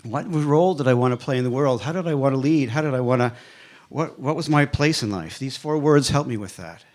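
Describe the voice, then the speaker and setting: Emphatic man giving a motivational speech. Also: medium pitch. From Canada. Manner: emphatic, repeats a refrain, dramatic pauses. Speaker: speaker at a live evening event. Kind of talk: motivational speech to a live audience.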